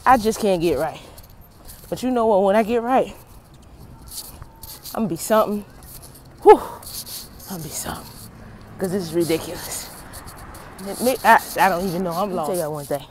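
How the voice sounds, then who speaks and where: A woman's voice: fairly low pitch, fairly quick, a little mellow. Woman vlogging on her phone walking outside at night, folksy and chatty, kinda winded, faint car noise around. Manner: chatty, folksy, talks straight to viewers with slang. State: out of breath while walking. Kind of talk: casual vlog talk to camera. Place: outdoors, walking near traffic at night. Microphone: handheld phone. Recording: faint outdoor traffic noise.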